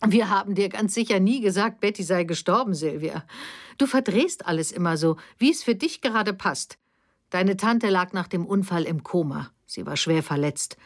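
Eine Frau spricht in einer Hörbuchlesung eine verbitterte ältere Mutter mit vorwurfsvollem, schneidendem Ton. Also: female voice, fairly low pitch, close to an everyday voice. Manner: reproachful, cutting. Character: bitter, defensive older mother.

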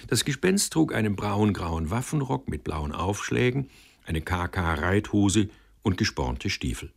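A man narrating a storybook with deep, low pitch and lively, rising and falling intonation. His tone is husky. He tells the story expressively. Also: measured pace. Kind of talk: audiobook narration.

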